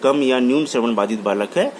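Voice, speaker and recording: A man's voice: medium pitch, lively intonation, a little fast, darkish tone. A man giving a classroom lecture, repeating key terms and restating each point, mixing English terms into his talk. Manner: mixes English terms into Hindi. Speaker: college lecturer. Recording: faint background noise.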